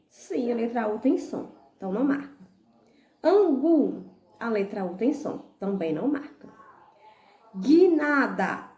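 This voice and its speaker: A woman with a Brazilian accent teaching young children. She corrects homework slowly and patiently, spelling out syllables letter by letter and often checking in with "tá bom?". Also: a little high, a little mellow, echoey room. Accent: Brazilian Portuguese. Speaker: primary school teacher. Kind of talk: recorded lesson, correcting homework.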